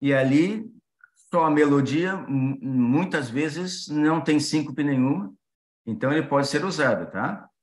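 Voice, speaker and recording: A man teaching music in a patient explanatory way, often pausing with fillers and checking that listeners follow. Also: on the high side. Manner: sings short melody syllables to demonstrate. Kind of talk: online class explanation. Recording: roomy echo.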